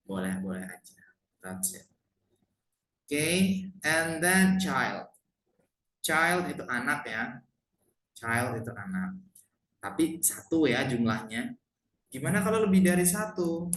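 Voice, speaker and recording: A man's voice: mid-range voice, pushed and bright. Man, Indonesian accent, English teacher, repeats and translates words, roomy echo, faint noise. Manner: repeats each word, then translates it with rising emphasis. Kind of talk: relaxed online English lesson. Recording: echoey room, faint noise.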